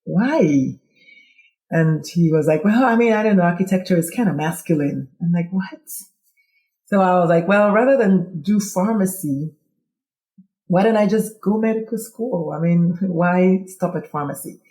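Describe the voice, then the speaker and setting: A middle-aged Nigerian woman, Igbo her first language, tells stories as a guest in a casual interview, animatedly quoting herself in dialogue. Her lowish voice is mellow and measured, heard in an echoey room on a low-quality recording.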